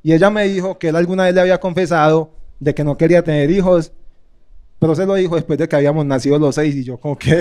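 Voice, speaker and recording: A young Colombian man from Medellín performs stand-up in a comedy club. His voice sits fairly high and sounds smooth and resonant. He chuckles through his self-mocking jokes, and his R sound is a little off. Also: a little mellow. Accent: Colombian Spanish. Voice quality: slight speech impediment on R. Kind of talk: stand-up set, then stage banter.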